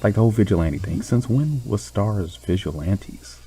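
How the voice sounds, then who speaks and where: A man's voice: lowish voice, lively intonation, moderate pace, dark tone, slight background noise. A man hosting a let's play, making sarcastic, teasing jokes about the game as he plays. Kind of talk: joking gameplay commentary. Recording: commentary over game music.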